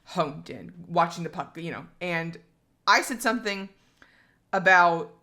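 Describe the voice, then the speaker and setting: A woman's voice: lowish voice, lively intonation, unhurried, sharp tone. A young woman co-hosting a casual podcast, telling stories in a chatty, easygoing way. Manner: chatty storyteller, laughs often. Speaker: podcast co-host. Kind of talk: casual chat.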